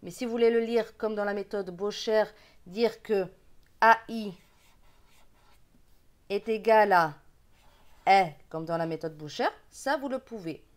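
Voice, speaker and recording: Speaking at a medium pitch, a woman with a regional French accent teaches beginners to read, unhurried and pausing often. As a reading teacher giving a slow lesson, she sounds out syllables and patiently says each word again.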